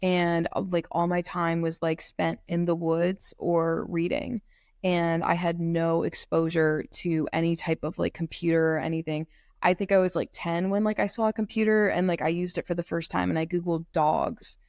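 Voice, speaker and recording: A twenty-year-old woman from North Carolina, USA, a law student, talks casually as a podcast guest over a computer mic on a remote call. Her fairly low voice has a darkish tone, little pitch movement, and a moderate pace, captured dry with clean studio sound, and she rambles with frequent "like."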